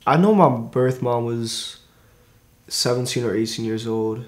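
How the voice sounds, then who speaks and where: A man's voice: mid-range voice, a little slow. A teenage boy born in Korea, answering interview questions plainly and a little hesitantly, in a studio. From born in Korea, raised in New York. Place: studio against grey backdrop.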